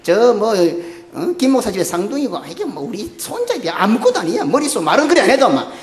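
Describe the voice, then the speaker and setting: A male pastor with a Busan Gyeongsang accent delivers a sermon in a fairly high voice. He moves between low, earnest stretches and loud, excited bursts. The sound rings through an echoey church sanctuary. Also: fairly quick.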